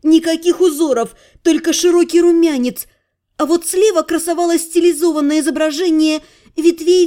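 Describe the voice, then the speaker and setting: A woman's voice: high-pitched, warm tone. A woman narrating a first-person story as an audiobook, reading expressively with emotion.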